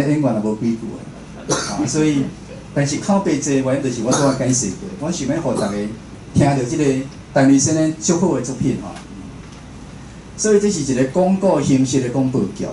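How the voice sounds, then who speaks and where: A man with a Taiwanese accent, who directs a radio station and hosts a show, gives an informal public lecture in an indoor venue. He's conversational and often throws questions to the audience, speaking in a mid-range, dark-toned voice. The room echoes, with faint background noise.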